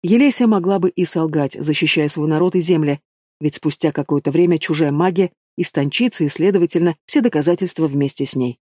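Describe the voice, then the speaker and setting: A man reads an audiobook aloud in a steady narrating manner. His voice sits fairly high for a man, and the recording is close and dry. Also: fairly quick, no echo. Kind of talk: scripted narration.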